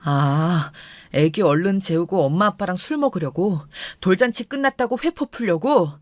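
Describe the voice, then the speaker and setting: A woman voicing an angry young husband who speaks in a lowered, firm, cold tone. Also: lively intonation, normal speed, no room sound, close to an everyday voice. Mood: stern anger.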